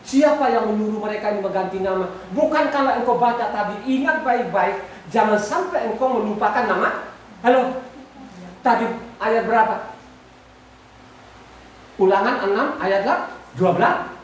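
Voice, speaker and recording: A woman's voice: a little high, moderate pace, long pauses, slight background noise. A woman preaching a sermon, exhorting her listeners, asking them questions and repeating her words. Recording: echoey room, far from the mic.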